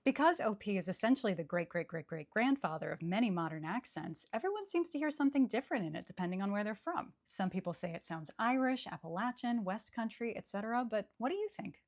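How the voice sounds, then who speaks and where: A woman's voice: mid-range voice, lively intonation, fast talker, hardly any pauses. A woman presenting an educational explainer in an enthusiastic, emphatic way. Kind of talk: explainer narration to camera.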